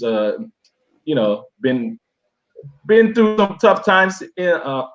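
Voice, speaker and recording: Miami-raised man on a lo-fi call. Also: mid-range voice. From Miami, USA. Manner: loose and rambling, many fillers and restarts. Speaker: interview guest, travel YouTuber. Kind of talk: casual conversational storytelling.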